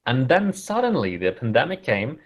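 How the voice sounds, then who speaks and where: A man with a German accent gives an online conference talk in a casual, chatty way, halting often with fillers and restarts. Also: medium pitch, sing-song, slightly rough. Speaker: conference speaker.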